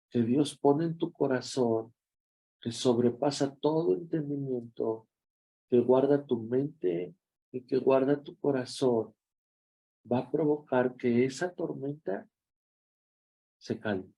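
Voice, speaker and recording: A male Mexican pastor preaching a devotional in an easy, storytelling manner. His voice is gravelly and dark, and he takes his time with each phrase. The recording sounds somewhat dull and lo-fi. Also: mid-range voice. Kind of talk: devotional sermon.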